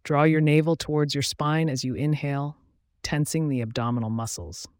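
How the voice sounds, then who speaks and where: A man guiding a relaxation meditation in a calm, soothing, measured way, giving instructions with pauses. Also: on the high side, dry recording, clean studio sound. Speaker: meditation guide. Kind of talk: guided relaxation meditation narration.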